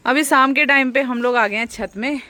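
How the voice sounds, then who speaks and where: A woman's voice: sits high, normal speed, a crowd in the background. A young woman, chatting casually to her vlog audience, laughing often as she tells stories. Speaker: vlogger.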